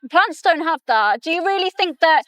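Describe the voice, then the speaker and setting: A woman's voice: very high-pitched, lively intonation, moderate pace, fairly bright tone, no echo. A woman explaining her position in a casual back-and-forth debate as an interviewer. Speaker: interviewer, vegan advocate.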